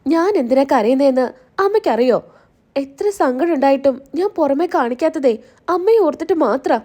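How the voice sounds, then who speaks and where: A woman's voice: high-pitched, mellow. A woman voicing a jealous, scheming young woman who mocks her rival and complains about her place in the family. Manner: mocking, complaining.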